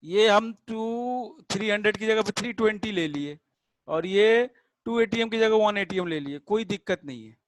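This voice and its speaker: A man teaching a chemistry class with a fairly high voice. He is patient, often stops to ask whether the students follow, and stretches English terms out slowly. The sound is close and dry, with no room echo. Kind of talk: classroom lecture.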